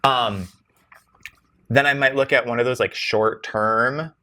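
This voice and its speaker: Upbeat man co-hosting a casual podcast. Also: slow. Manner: animated, self-teasing, jumps to higher pitch for emphasis. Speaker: podcast co-host. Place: podcast recording space with camera crew. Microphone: microphone.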